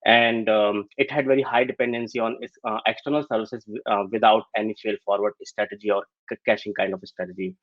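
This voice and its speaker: A man giving a technical presentation remotely, halting often and leaning heavily on fillers. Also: lowish voice, fairly even intonation, dry recording. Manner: halting, filler-heavy delivery. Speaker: tech conference speaker. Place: remote, over online call. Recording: dull, lo-fi call audio.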